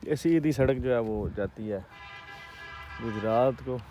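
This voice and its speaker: Speaking slowly in a warm, medium-pitched voice, a Pakistani Punjabi-accented real estate vlogger in his thirties chats and explains as he strolls through open farmland. He films with a phone at arm's length, giving lo-fi audio with slight background noise.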